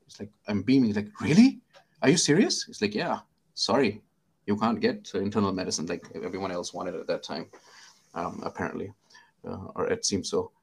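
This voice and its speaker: Indian man, middle-aged, low gravelly voice, halting self-deprecating interview storyteller. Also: little pitch movement. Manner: halting, many fillers and restarts, warmly self-deprecating. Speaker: guest, psychiatrist.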